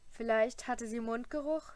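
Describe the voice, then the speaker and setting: A woman reading a first-person audiobook, with an expressive, dryly humorous storytelling manner. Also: on the high side, moderate pace, no room sound. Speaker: audiobook reader.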